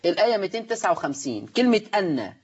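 A man with an Egyptian Arabic accent teaching Quran recitation rules at a board, animated, asking the class questions and answering them himself. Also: high-pitched, rapid-fire, breathy edge, highs cut off.

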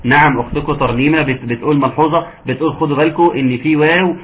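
A man's voice: a little high, steady tone. Egyptian man teaching Quran recitation over a thin line. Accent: Egyptian Arabic. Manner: patient, encouraging, breaks into slow drawn-out recitation. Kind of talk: online tajweed lesson. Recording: narrow phone-like audio, faint hiss.

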